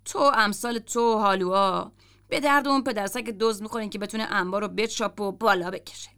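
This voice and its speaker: A woman reading the lines of a gruff, foul-mouthed grown man who grumbles and swears in a story. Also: mid-range voice, a bit bright, lightly acted.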